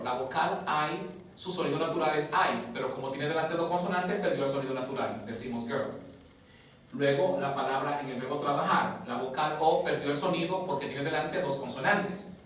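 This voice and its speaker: A man teaching English pronunciation in a deliberate lesson, repeating key words slowly and posing rhetorical questions. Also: fairly high pitch. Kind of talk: explanatory lesson. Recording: echoey room, mic far off, faint hiss.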